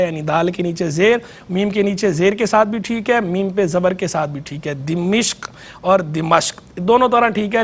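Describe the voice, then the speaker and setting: A man with a Pakistani Urdu accent and a high-pitched voice lectures as a religious scholar on a TV program. He is measured and explanatory, repeating key terms to stress them.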